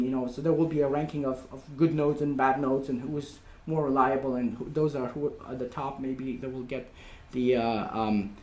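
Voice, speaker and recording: Higher-pitched man presenting, hesitant, echoey room. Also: a little mellow. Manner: hesitant, halting, repeating words. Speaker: meetup presenter. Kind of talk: informal presentation and Q&A. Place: indoor meetup room.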